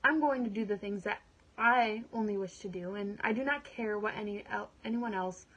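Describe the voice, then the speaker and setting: Woman acting an earnest, husky, emotional dramatic heroine. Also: medium pitch, a bit bright, highs cut off, natural voice. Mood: resolute. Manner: earnest, emotional, emphatic short phrases with dramatic pauses. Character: upset, resolute woman freeing herself from a negative life. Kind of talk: dramatic monologue, practice performance.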